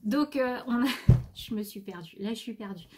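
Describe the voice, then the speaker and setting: Her voice sits fairly high and moves at a normal speed as this chatty French woman shows off a craft haul, rambling and addressing her pet now and then. There's a little background noise.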